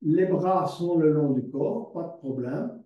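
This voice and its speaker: Male yoga instructor, slightly high voice, calm repetitive cueing, distant mic. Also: lo-fi sound. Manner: calm step-by-step cueing, repeats words slowly. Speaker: yoga teacher. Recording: distant mic in a very echoey room.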